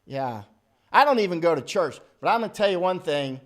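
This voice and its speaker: American guy rambling on a livestream, reads comments out, slightly high voice, keeps restarting. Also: expressive, brisk. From United States. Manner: rambling, restarts often, gets loud and heated. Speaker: livestream host reading viewer comments. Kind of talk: casual livestream talk.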